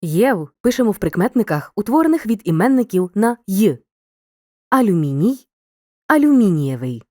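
A woman reading a scripted video lesson as a teacher, giving examples in a clear, deliberate way. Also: medium pitch, very animated, a little mellow, dry recording, clean studio sound.

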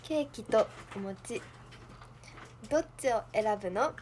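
A woman's voice: on the high side, lively intonation, takes it slowly, darkish tone, slight background noise. A young woman with a Kansai accent, hosting a livestream in casual chat, playful and giggly, thinking aloud. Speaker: idol livestream host.

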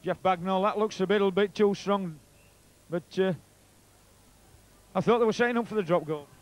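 High-pitched Yorkshire man commentating on rugby. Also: moderate pace. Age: middle-aged. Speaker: co-commentator, former player. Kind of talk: live rugby league match commentary. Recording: outdoor match noise behind commentary. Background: stadium ambience and crowd.

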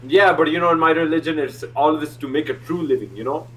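A young man from India on a video call, trolling a dating-show date with deadpan, halting talk full of repeated words. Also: fairly high pitch, distant mic. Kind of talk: joking video-call banter. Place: small room at home. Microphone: headset on video call. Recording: noisy video call line.

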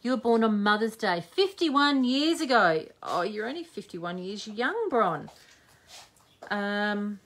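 Very animated but slow, a medium-pitched woman with a fairly bright tone runs a live crafting demo. In her forties, she's a chatty, jokey craft video host who thinks out loud as she works.

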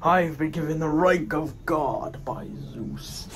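A man voicing an arrogant Spartan warrior villain with a booming, grandiose, menacing delivery in a homemade fantasy story. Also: slow, fairly bright tone. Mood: gloating. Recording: noisy homemade recording.

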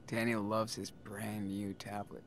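A man playing a weary, caring teenage big brother in a video game, musing to himself in a low-key way. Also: flat delivery, takes it slowly, fairly bright tone, a little hiss or hum.

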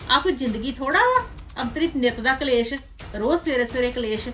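Woman playing a high-voiced scheming village aunt. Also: animated, quick pace, a bit bright, faint music behind. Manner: gossipy, scolding, ends remarks with "haiṅ?". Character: meddling scheming village aunt, sharp-tongued. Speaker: paternal aunt. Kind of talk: web series drama dialogue.

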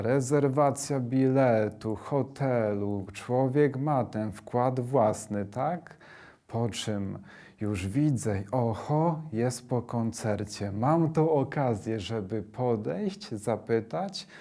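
Slow, halting young man in his twenties. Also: mid-range voice, mellow. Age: 20s. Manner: halting, reflective storytelling. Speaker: interviewee. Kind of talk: documentary interview.

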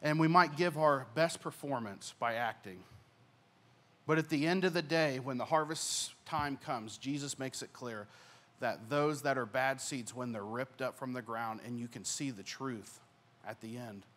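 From a church stage, a young man serving as pastor preaches in an unhurried, medium-pitched voice, speaking earnestly into a handheld mic. He gets louder when stressing key points and quieter as each phrase finishes.

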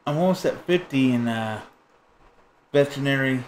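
While playing a video game on stream, a man chats casually, trading crude, joking banter. His voice is medium-pitched at a moderate pace, with slight background noise.

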